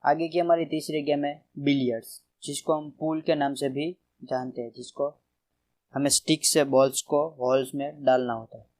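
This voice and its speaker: A man's voice: mid-range voice, steady tone, normal speed, darkish tone, rough recording. A man teaching a general knowledge revision lesson, reading out word lists and stressing each term. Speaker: quiz teacher.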